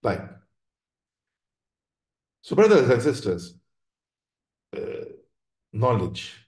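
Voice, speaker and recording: A man of middle pitch gives an online religious lesson in a roomy, echoing space. He explains patiently, keeps checking that his listeners follow, and often breaks off to restart his sentences. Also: very animated, a little mellow. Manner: explanatory, frequent check-ins with "right?" and "yeah?"; halting, with many restarts. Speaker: Islamic teacher. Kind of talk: online religious class with slides. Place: online video lesson, voice over slides. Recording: roomy echo.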